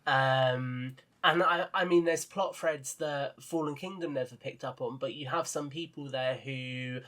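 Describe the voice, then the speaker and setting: A man with a mid-range, fairly bright voice speaks a little slowly as a podcast guest. An audio drama creator, he explains his ideas earnestly and enthusiastically in casual conversation.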